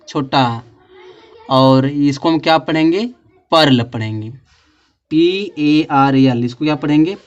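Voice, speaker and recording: A man teaching a pronunciation lesson, posing questions and answering them himself and spelling out letters slowly. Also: on the high side. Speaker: English teacher. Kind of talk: classroom-style pronunciation lesson. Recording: dull lo-fi recording.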